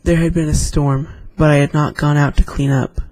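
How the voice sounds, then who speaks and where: A man's voice: on the high side, level tone, moderate pace, darkish tone, no echo. A man casually reading scary stories aloud, with chatty, rambling asides between them. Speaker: YouTube storyteller.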